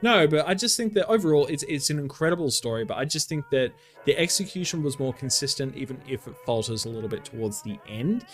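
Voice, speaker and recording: A man co-hosting a casual gaming chat, excitable and rambling, laughing often. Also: mid-range voice, fast talker, hardly any pauses, soft background music. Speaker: co-host.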